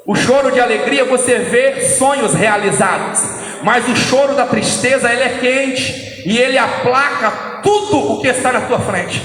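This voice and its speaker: High-pitched shouting pastor. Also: male voice, measured pace, faint music behind. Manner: shouting, chanting fervently. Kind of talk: preaching sermon. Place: church hall with congregation. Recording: echoey church hall, crowd.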